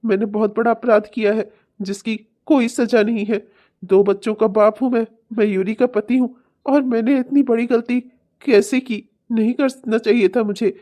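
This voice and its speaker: A woman's voice: a little high, fairly even intonation, moderate pace, close to an everyday voice. Woman voicing a guilt-torn cartoon husband. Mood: guilty. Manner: harsh, shouting, then anguished self-blame. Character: guilt-ridden husband and father of two. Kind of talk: cartoon voice acting.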